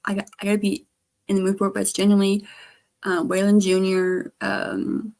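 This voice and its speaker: Gravelly woman, slurred by missing front teeth. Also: medium pitch, completely flat delivery, a little mellow. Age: adult, grown past teens. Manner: halting, trailing off with repeated stammered starts. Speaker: livestreamer chatting with viewers. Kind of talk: casual rambling livestream chat.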